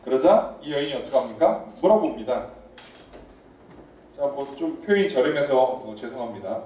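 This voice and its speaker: Male pastor, mellow voice, preaching from across an echoey church hall. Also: medium pitch, normal speed, far from the mic, a little hiss or hum. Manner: animated, conversational preaching with questions to the congregation. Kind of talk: sermon. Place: church sanctuary.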